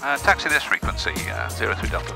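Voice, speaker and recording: A man's voice: medium pitch, big pitch swings, fast talker, gravelly, music in the background. A man who flies small planes, talking casually and making radio calls through an aviation headset. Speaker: pilot and vlogger. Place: small plane cockpit in flight.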